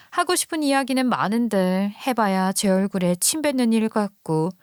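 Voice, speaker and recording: A woman's voice: mid-range voice, dry recording, clean studio sound. A woman narrating a first-person story in a confiding, aggrieved manner.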